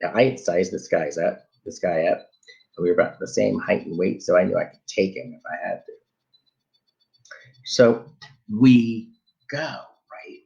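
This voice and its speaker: A man telling a funny personal travel story in an animated, conversational way. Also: sits low, measured pace, gravelly, pauses often, highs cut off.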